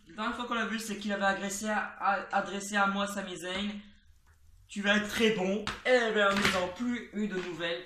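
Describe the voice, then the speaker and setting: A wrestling commentator calling a video game match play-by-play, excitable and rambling, repeating names and shouting at the big moves. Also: mid-range voice. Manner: rambling asides, repeats names, frequent restarts. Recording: roomy, noisy, distant home mic.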